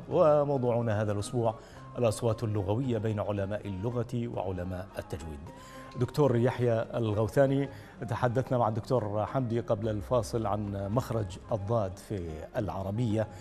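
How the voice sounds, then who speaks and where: Fast-talking male TV host. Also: fairly low pitch, mellow. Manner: formal and polished, welcoming viewers and posing questions. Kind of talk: formal TV presenting and questioning. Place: TV studio. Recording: reverberant studio with faint background music.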